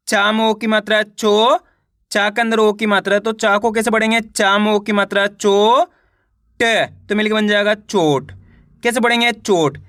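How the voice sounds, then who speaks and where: A man teaching children to read Hindi, sounding out syllables slowly and repeating each word as a question and answer. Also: high-pitched, a bit bright, no echo, clean studio sound. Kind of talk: step-by-step reading lesson.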